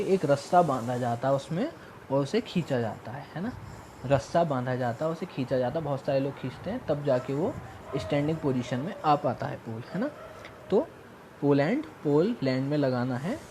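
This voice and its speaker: A man teaching memory tricks in a casual lesson, his voice a little higher than most men's yet dark and mellow in tone. He talks conversationally, repeating his cues and tossing out rhetorical questions. A faint noise hums behind him. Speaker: quiz tutor.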